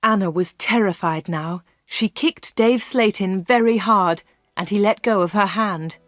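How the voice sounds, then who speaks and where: A woman's voice: medium pitch, a little slow, no room sound. Woman reading a story aloud. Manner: clear, steady storytelling. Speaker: audiobook reader.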